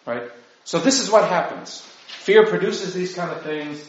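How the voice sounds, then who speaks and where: A man's voice: sits high, a little slow, a little hiss or hum. Man, priest, chatty teaching talk, rhetorical asides, dull muffled recording, big echo. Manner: conversational, rhetorical asides, frequent "right?". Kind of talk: informal lecture to a group. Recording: very echoey room, dull lo-fi sound.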